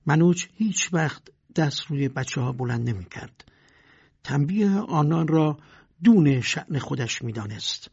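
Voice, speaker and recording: A man narrating a storybook with a lively, dramatic reading. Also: a little high, vocal fry, husky. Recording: dull lo-fi recording.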